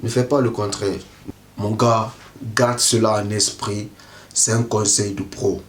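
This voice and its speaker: A man's voice: fairly low pitch, fairly even intonation, a little slow. A man giving dating advice straight to the viewer in a casual monologue, who keeps checking if the listener understands. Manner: repetitive, keeps asking "tu comprends?".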